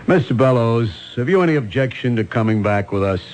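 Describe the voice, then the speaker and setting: A male actor plays a police lieutenant in an old-time radio mystery. He is blunt and weary, with a medium-pitched voice. He questions people impatiently and keeps probing. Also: a little mellow, lightly acted.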